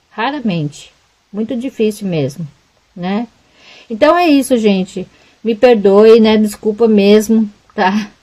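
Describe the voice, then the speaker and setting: A woman's voice: mid-range voice, mellow, low-quality recording. A woman, chatting casually to her viewers as a crochet vlogger, rambling and tagging her sentences with little questions.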